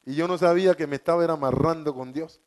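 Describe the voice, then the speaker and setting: A man's voice: fairly high pitch, fast talker, a little mellow. A man giving a fervent evangelical testimony, repeating key words for emphasis. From Colombia.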